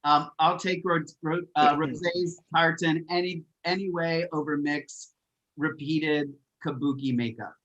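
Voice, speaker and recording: A host on a recap panel, frank and blunt, reading out viewer comments. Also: male voice, on the high side, fairly even intonation, a little slow, fairly bright tone, dull audio. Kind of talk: casual recap chat.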